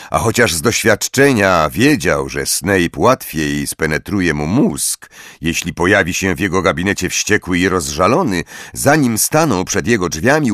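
A male audiobook narrator reads in a measured, expressive storytelling style. His voice sits low and moves with a lively pitch range at a slow pace. The recording is dry and close. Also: dry recording. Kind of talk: scripted narration.

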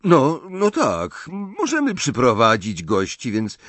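A man's voice: medium pitch, huge pitch swings, takes it slowly, a bit bright, dry recording, exaggerated voice. A man voicing an awkward, flustered teenage schoolboy wizard who stammers and hesitates.

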